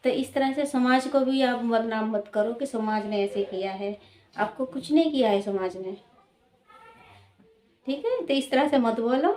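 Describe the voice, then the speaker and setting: A woman vlogger talks straight to camera in an admonishing tone, repeating her points and checking in with tag questions. Her voice sits a little high for a woman. The recording carries a roomy echo off the walls. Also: unhurried, darkish tone. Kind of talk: direct-to-camera opinion vlog. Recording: roomy echoey room.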